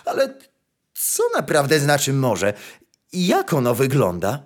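A man's voice: mid-range voice, huge pitch swings, slow, heavily acted. A man doing a yearning young fir tree. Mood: longing. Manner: wistful, longing exclamations. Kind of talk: fairy tale reading.

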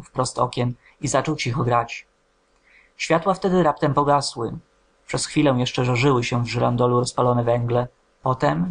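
Gravelly, husky male audiobook narrator. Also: mid-range voice. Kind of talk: scripted literary narration.

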